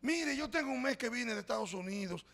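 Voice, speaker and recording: A man's voice: very high-pitched, expressive, a little fast, gravelly, fairly bright tone, pitched above the performer's own voice, exaggerated voice. A man voicing a polite elderly churchwoman who brings an offering, in a sweet, courteous manner.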